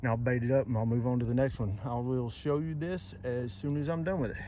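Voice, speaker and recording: A man's voice: medium pitch, steady tone, quick pace, warm tone. A man filming a casual how-to vlog outdoors on a farm, plainspoken and repeating his advice for emphasis, a bit out of breath from the work. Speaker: trapping vlogger. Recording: outdoor noise in background.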